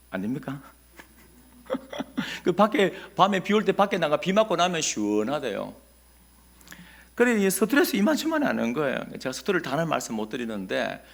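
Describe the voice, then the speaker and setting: A male pastor, preaching a Sunday sermon as an animated storyteller who asks the congregation questions. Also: a little high, vocal fry.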